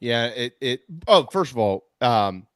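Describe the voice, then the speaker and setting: Teasing sports talk co-host, dry sound. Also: male voice, medium pitch, sing-song, measured pace, smooth, no echo. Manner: teasing, joking banter. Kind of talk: sports radio chat.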